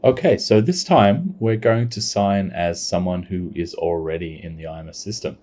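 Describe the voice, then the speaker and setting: In this dull, lo-fi screencast, a deep-voiced software demonstrator walks through a product. He takes his time, explaining things plainly one step at a time.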